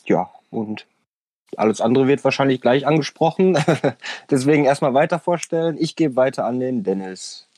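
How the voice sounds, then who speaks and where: A tattoo artist in his late twenties rambles casually as a podcast guest over a voice call, using many fillers and laughing now and then. His medium-pitched voice is animated and a little mellow, at normal speed, with no room sound.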